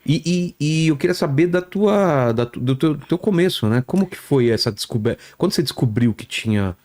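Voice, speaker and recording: A man's voice: a little high, expressive, normal speed, a little mellow. A man in his fifties hosting a podcast, asking curious, short follow-up questions. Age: 50s. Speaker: podcast host. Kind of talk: podcast interview.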